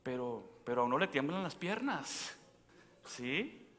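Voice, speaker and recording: A man's voice: mid-range voice, big pitch swings, measured pace, a bit bright. A man, a priest, giving a sermon in a conversational way, telling stories and asking the congregation questions. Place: large church. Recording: long church reverb.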